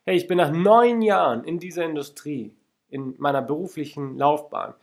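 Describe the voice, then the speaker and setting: A man's voice: fairly high pitch, moderate pace. A young man from the Lake Constance region, hosting a solo self-help podcast and speaking earnestly and directly to the listener. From Lake Constance region, Germany. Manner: earnest, addresses listener directly, repeats for emphasis. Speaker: podcast host.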